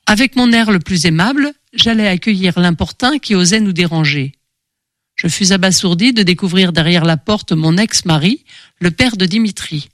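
A woman narrating a first-person novel in an audiobook, steady and expressive. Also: on the low side, moderate pace, no room sound.

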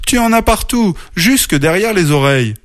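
A man's voice: a little high, sing-song, fairly quick, no room sound, studio quality, pitched above the performer's own voice. A man reading a storybook and voicing a doting, fussy mother bear. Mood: fussing. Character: fussing motherly she-bear. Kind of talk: storybook narration.

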